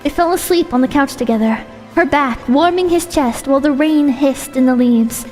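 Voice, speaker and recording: A woman's voice: high voice, normal speed, a little mellow. A woman reading a short story aloud as its narrator. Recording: long hall reverb with music.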